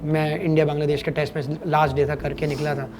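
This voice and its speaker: A man's voice: a little high, quick pace, over music. A man in his late thirties from Haryana, a cricket commentator telling personal stories in a podcast interview, acting out the voices of the people in them. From Kurukshetra, Haryana, India. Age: late 30s. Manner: animated anecdotal storytelling, acting out voices.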